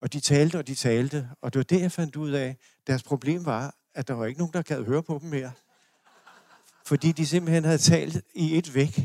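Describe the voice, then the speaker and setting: Older danish guy telling stories at a lecture, gravelly, dry close sound. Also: on the high side, warm tone, no echo. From Denmark. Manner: rambling anecdotal storytelling with restarts and chuckles. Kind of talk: personal storytelling lecture. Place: lecture hall.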